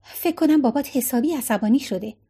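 A woman's voice: sits high, expressive, dark tone, breathy edge, full character voice. A woman voicing an awkward, flustered teenage girl in a storybook.

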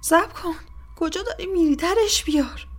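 A woman's voice: extremely high pitch, voice pushed up. A woman voicing a wounded male captive who begs and gasps out broken words in pain, in a storybook horror reading. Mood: agonized pleading. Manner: gasping, broken pleading.

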